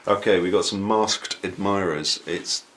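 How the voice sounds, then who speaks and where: A man's voice: low voice, a little slow, fairly bright tone. A man casually chatting through card reviews, joking and slipping into silly voices. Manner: jokey, breaks into silly put-on voices. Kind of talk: casual chat.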